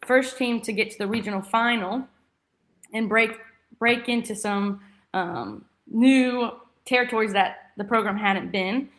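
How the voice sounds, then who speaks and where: A young adult from Texas, a former college soccer player, chats enthusiastically and effusively as a guest in a casual interview. Her voice sits on the high side, a little slow and a bit bright, captured in a low-quality recording.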